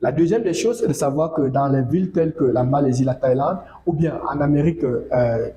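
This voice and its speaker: A man giving a measured farming talk, repeating phrases and using fillers. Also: fairly high pitch, reverberant, background noise. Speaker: agricultural educator. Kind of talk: informative monologue.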